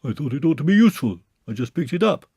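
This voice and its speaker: A man voicing a simple, kindly little male bear who speaks in a high, innocent, earnest way. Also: very animated, fast talker, a little mellow, breathy edge, dry recording, exaggerated voice.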